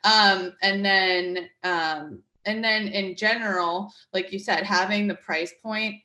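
A woman's voice: medium pitch, fairly even intonation, slow pace, pushed and bright, reverberant. A woman in her thirties from Connecticut, a guest talking about her market project in a chatty interview, with lots of fillers and restarts. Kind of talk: conversational interview.

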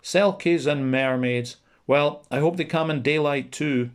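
An eager young servant lad with a lively, hopeful voice, as a narrator puts him on. The voice sits higher than plain narration and is a little brighter in its push. The feel is of a storybook read aloud. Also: male voice, measured pace.

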